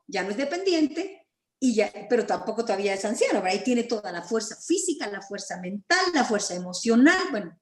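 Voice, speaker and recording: Guatemalan lady teaching bible study over zoom, kinda high voice, echoey room. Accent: Guatemalan Spanish. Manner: earnest teaching with personal stories, frequent throat clearing. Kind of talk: preaching Bible study over video call. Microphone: video call.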